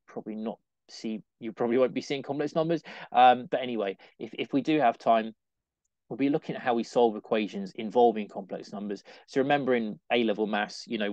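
A man's voice: medium pitch, a little mellow, no room sound, highs cut off. A young British man, a maths tutor, talking through a lesson in a casual, rambling way, often correcting himself with small laughs. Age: young adult.

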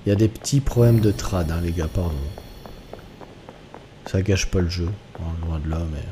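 A man's voice: low voice, normal speed, noisy background. A young adult man streaming a game live, chatting and joking with his viewers in a rambling casual way. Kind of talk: casual live gameplay commentary.

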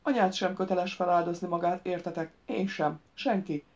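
Lady doing a calm wry woman lecturing kids, lowish voice, dull sound. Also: natural voice.

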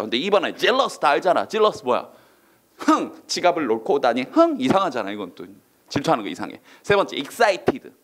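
A man teaching an online English exam-prep lecture, firing quick questions at his students and acting out reactions with silly voices. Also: on the high side, fairly bright tone.

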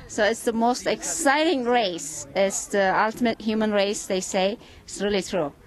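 A woman's voice: mid-range voice, normal speed, poor audio. A woman from Ethiopia, cheerful and eager, speaking into a handheld mic on a street outdoors. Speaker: interviewee, marathon runner. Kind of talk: street interview.

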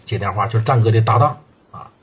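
A man with a Northeastern Mandarin accent telling a gangland tale in colloquial, animated storytelling style, slipping into characters' voices. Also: fairly low pitch, fast talker, breathy edge, highs cut off. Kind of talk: oral crime storytelling.

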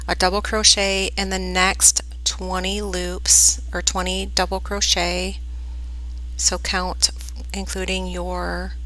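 Female crochet teacher, bright tone, calm counting, tutorial voice-over. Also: on the low side, poor audio. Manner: calm, counting stitches aloud. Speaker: crochet instructor. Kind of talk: step-by-step tutorial narration.

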